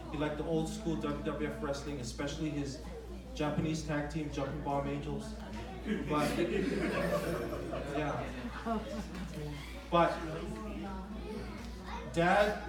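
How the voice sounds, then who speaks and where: A middle-aged man gives an informal eulogy, speaking in a halting, conversational way and often repeating his phrases. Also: fairly high pitch, flat delivery, a crowd in the background. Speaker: son giving a eulogy for his father. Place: large reverberant room at a memorial gathering. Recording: very echoey, distant microphone in room.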